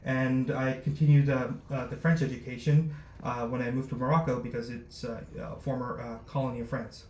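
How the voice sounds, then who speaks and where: A man's voice: medium pitch, flat delivery, darkish tone. Startup founder, male, hesitant and filler-heavy, recorded in a roomy space. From born in Luxembourg, raised abroad. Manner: halting, many fillers and restarts. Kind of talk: interview answers. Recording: roomy echo, faint noise.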